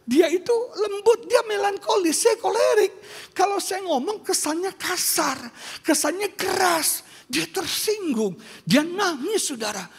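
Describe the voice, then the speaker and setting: A man from West Sumatra, a pastor giving an animated sermon, telling stories with sudden loud outbursts. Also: very high-pitched, unhurried. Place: large church hall. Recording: long hall reverb.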